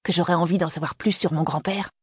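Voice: mid-range voice, fairly even intonation, quick pace, husky, dry recording, clean studio sound, close to an everyday voice. A reader voicing a young male university student in an audiobook, who argues and pleads insistently. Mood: pleading. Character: young man, restless university student son. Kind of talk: audiobook character reading.

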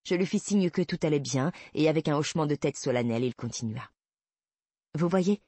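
A woman narrating a first-person novel, measured and soft at the ends of phrases. Her voice is slightly breathy and the recording is dry and close. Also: low voice, lively intonation, no echo. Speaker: audiobook narrator.

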